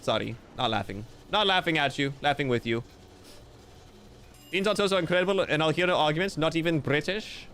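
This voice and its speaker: Over slight background noise, a man with a fairly high, fairly bright voice speaks expressively at a fairly quick pace. He's going through viewer comments on a casual livestream, playful and theatrical, throwing in mock-grandiose humor.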